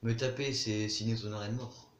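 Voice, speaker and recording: A man's voice: lowish voice, a little fast, echoey room, slight background noise. Chatty man commenting on gameplay. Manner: relaxed, chatty, explains game mechanics, talks to players. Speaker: gaming YouTuber.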